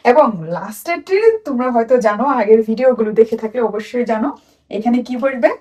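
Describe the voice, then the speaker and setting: A woman with a Bangladeshi Bengali accent teaching a children's phonics lesson and repeating each sound slowly for the children to copy. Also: fairly high pitch, mellow, far from the mic.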